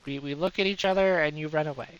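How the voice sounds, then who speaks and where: A man's voice: fairly high pitch, quick pace, clean tone, highs cut off. A young man giving casual, rambling commentary while he plays a game live, joking at his own expense as he goes. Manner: playful, rambling, self-mocking jokes. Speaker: streamer.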